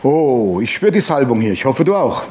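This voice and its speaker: A man's voice: mid-range voice, sing-song, moderate pace, a little mellow, a little hiss or hum. A man preaching a sermon in standard German, emphatic, asking the congregation questions and dropping joking asides between scripture readings. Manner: jokes and asides while reading scripture aloud. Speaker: pastor.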